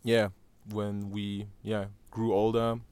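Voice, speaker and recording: A man's voice: on the low side, monotone, takes it slowly, a little mellow, clean tone, no echo. A man in his thirties from Germany with a German accent, interviewed outdoors on a terrace, talking hesitantly with many fillers and restarts. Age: 30s. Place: outdoor terrace above a valley.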